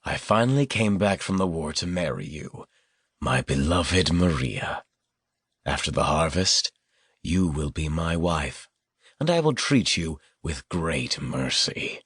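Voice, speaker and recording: A man's voice: rumbling low, animated, slow, a bit bright, slightly rough, no echo, studio quality, exaggerated voice. A man reading an audiobook, voicing a brutal, vengeful male rebel who talks in a cold, menacing way. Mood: gloating.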